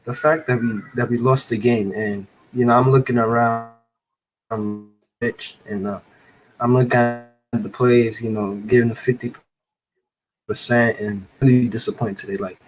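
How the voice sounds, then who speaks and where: A man's voice: medium pitch, fairly even intonation, normal speed, poor audio. A man calling in as a guest fan, talking with many ums and restarts over an unstable internet call. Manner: hesitant, lots of ums and restarts. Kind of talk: casual opinionated chat. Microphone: remote call with an unstable connection.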